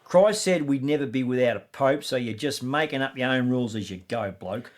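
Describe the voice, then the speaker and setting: A man's voice: medium pitch, animated, a little fast, lightly acted. A man voicing a blustery male debater in an exaggerated broad Australian accent. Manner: blustery, slangy.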